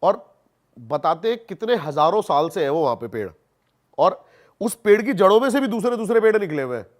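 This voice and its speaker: His voice sits high and swings widely in pitch, at a normal speed. As a podcast guest and haunted-place investigator, the man tells animated, casual stories, colloquial in style, repeating himself for emphasis and using English words here and there.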